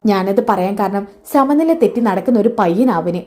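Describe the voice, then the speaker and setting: A woman voicing a married man who calmly reassures his wife and worries about his brother. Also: mid-range voice, moderate pace, lightly acted. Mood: concerned.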